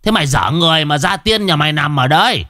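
A man voicing a gruff older guard chief who calls out and scolds. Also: a little high, animated, quick pace, pushed and bright, no echo, studio quality, voice pushed up. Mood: scolding.

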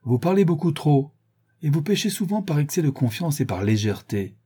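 A man's voice: on the high side, big pitch swings, brisk, mellow, breathy edge, voice pushed up. A man reading as a stern English detective. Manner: curt, reproving.

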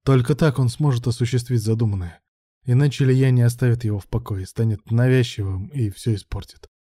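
Male audiobook narrator; steady and measured, very dark tone, dry close mic. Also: mid-range voice, breathy edge, dry recording.

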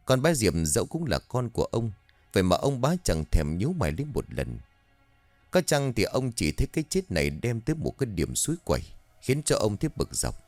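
A man with a low voice narrates a dark tale with lively, swinging pitch. The sound is dry and close, with faint music behind him. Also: brisk, dry recording. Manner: expressive, animated reading. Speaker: storyteller. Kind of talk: dramatic story narration.

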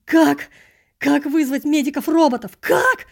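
A woman reading an audiobook, voicing a desperate young man who shouts frantic pleas for help. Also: high voice, steady tone, unhurried, vocal fry, pitched above the performer's own voice. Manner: loud, frantic pleading.

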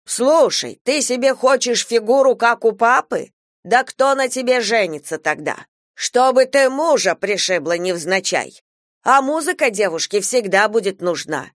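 A woman's voice: on the high side, expressive, a little slow, no room sound, voice pushed up. A stern old grandmother who scolds in weighty, reproachful phrases, voiced by a woman narrator. It is a storybook reading with a dry, close sound. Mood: scolding.

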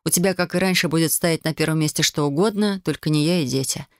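A hesitant, frightened wife, voiced by a male narrator who lifts his pitch a little. She speaks softly and falters between phrases, as in an audiobook scene. The recording is dry and close. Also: dry recording, lightly acted. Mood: anxious. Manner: soft, halting, tremulous. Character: anxious, hesitant adult woman, the hero's wife. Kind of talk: audiobook dialogue.

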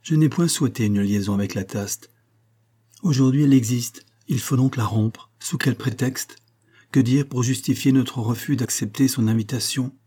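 A man reading aloud voices a young woman who speaks softly but firmly, with pained resolve. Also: mid-range voice, moderate pace, husky, close to an everyday voice. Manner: soft yet firm, pained.

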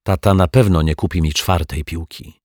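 A man voicing a small, worried boy in a children's story, first whispering anxiously, later shouting. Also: deep voice, normal speed, no room sound, studio quality.

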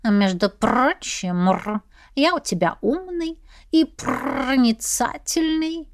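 A woman's voice: high voice, expressive, takes it slowly, no room sound, studio quality, heavily acted. A woman voicing a proud, devoted pet cat familiar who meows and purrs between words. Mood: reproachful. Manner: meowing, purring between words.

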